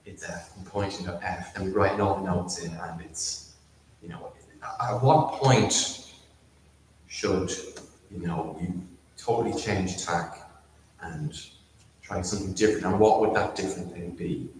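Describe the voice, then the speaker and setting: Halting man heard from afar in a hall. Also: sits low, a little mellow, a little hiss or hum. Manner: halting, repeats words, laughs while talking. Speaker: piano teacher. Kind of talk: panel discussion. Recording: distant mic in an echoey hall.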